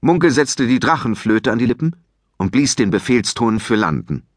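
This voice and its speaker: Man narrating a children's storybook, lively pitch, dry close studio sound. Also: moderate pace, no room sound. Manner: expressive storytelling. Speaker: audiobook narrator. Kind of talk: scripted narration. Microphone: close studio mic.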